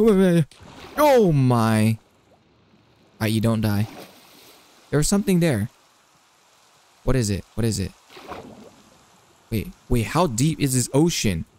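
A young man giving excitable, jumpy commentary while playing a video game and talking to his chat. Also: medium pitch. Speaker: gaming streamer. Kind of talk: live gameplay commentary.

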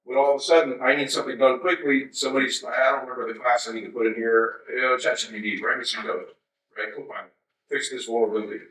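Man, 50s, keynote speaker at a podium; bright, forceful voice, wry and chatty; recorded far off in a reverberant hall. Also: mid-range voice, steady tone, fast talker. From United States. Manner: conversational and wry, with asides to the audience. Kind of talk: conference keynote talk. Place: large darkened conference hall. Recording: roomy hall sound from a distance.

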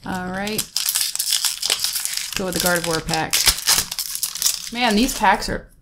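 A woman hosts a casual unboxing of trading card packs, chatting, naming each card aloud, and laughing easily. Her voice is lowish and she takes it slowly, with background noise present.

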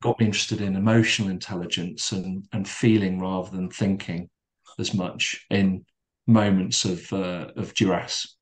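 A middle-aged man talks in a calm, measured way as a podcast guest, his voice sitting a little low. He circles back on his words, with plenty of fillers, as he reflects. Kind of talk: reflective storytelling in conversation.

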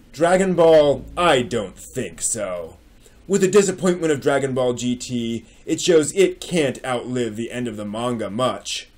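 In a small home room furnished with bookshelves, a man in his forties hosts a dramatic reading and adds casual commentary. His voice is on the high side and a little mellow, and he speaks emphatically and theatrically.

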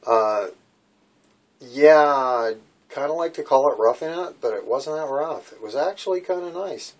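Speaking in a mid-range voice at a measured pace, a man in his sixties rambles through a casual vlog from a small boat cabin, heavy on fillers. He records on a phone camera held at arm's length.

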